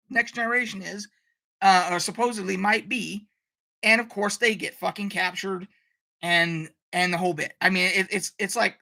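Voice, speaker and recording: A woman's voice: a little high, pushed and bright. A woman hosting a casual live stream, ranting animatedly, swearing freely and reading out viewer comments. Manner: reads out viewer chat comments.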